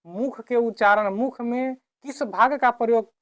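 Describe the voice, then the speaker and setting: A woman teaching a classroom lesson, who keeps asking her own questions and answering them, repeating each point slowly. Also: on the high side, a bit bright. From India.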